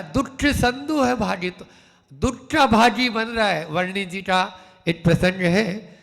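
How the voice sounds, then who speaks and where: A man, a Jain monk, giving a sermon slowly, repeating key phrases in a rhythmic, emphatic way. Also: high voice, fairly bright tone. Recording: hall with long reverb.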